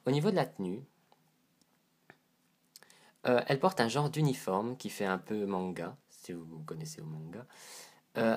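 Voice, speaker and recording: A man with a fairly low voice and a stuffy, head-cold sound gives a doll review to camera. His delivery is casual and hesitant, and he describes details while handling the doll.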